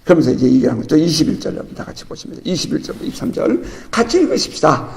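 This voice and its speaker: A man's voice: on the high side, sing-song, racing, gravelly. A middle-aged male pastor giving an expository sermon in a chatty way, laughing now and then and acting out the voices he quotes. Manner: conversational, laughing asides, acts out quoted voices. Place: church sanctuary. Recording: reverberant church hall.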